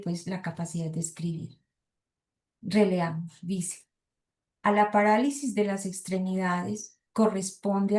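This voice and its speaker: A woman's voice: medium pitch, warm tone. Hesitant woman lecturing in an echoey room. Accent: Colombian Spanish. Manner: thinking aloud with frequent hesitations and restarts; rhetorical asides to listeners. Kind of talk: academic lecture with text reading.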